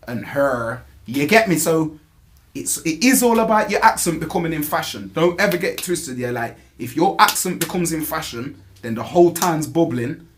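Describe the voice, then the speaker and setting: A man's voice: fairly high pitch, animated, moderate pace, fairly bright tone. Nottingham-accented man talking street slang. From Nottingham, England. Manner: repeatedly tags phrases with "you get me" and "innit". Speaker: rapper being interviewed. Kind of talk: casual interview talk in street slang.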